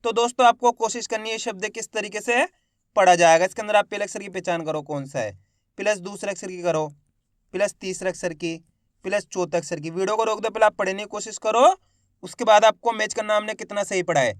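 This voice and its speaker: Male reading teacher, drawn-out syllable-by-syllable delivery, encouraging tone, crisp close dry recording. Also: high-pitched, steady tone, no room sound. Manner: sounds out each syllable loudly, then blends the word; addresses viewers as friends, encouraging. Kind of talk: slow syllable-by-syllable reading lesson.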